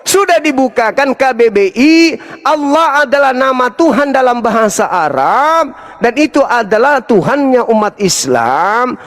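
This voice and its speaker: A man's voice: very high voice, big pitch swings, unhurried, a bit bright, in a large hall. A male Islamic preacher in a heated debate, insistent and mocking, repeating his points again and again.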